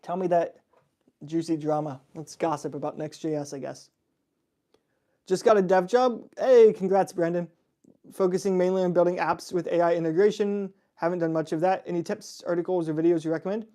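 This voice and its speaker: With a high-pitched, dark-toned voice, a young man moves fairly quickly through a casual livestream Q&A. He reads viewers' chat questions aloud and answers in a chatty, relaxed way, with frequent fillers and laughter.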